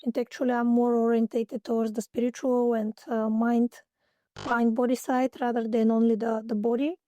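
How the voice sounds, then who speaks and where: A woman's voice: on the high side, level tone, moderate pace, mellow, dry recording, highs cut off. A woman from Bulgaria with a Bulgarian accent, a native Bulgarian speaker and holistic therapist, answering interview questions hesitantly with many fillers as she searches for English words.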